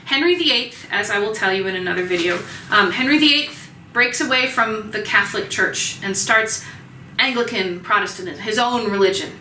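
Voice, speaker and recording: A woman's voice: medium pitch, moderate pace, sharp tone, roomy sound, distant mic, a little hiss or hum, low-quality recording. A woman teaching music history in a chatty recorded lecture, with many ums, sometimes acting out the sounds in the music. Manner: chatty, many ums, voices vendor cries and hen clucks for fun.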